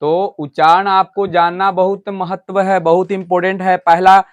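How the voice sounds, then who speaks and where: A man's voice: sits high, level tone, normal speed. A man teaching a classroom English grammar lesson. He explains step by step and keeps asking the students whether they have understood. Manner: switches between loud stressed points and quiet asides to the class.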